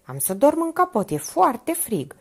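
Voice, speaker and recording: A frail, sickly young woman with a quiet, detached and fatalistic way of speaking, as a woman narrator puts her on. Her voice sits a little above the reader's own and still moves in wide, expressive contours. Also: on the high side, breathy edge, pitched above the performer's own voice, full character voice. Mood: weary.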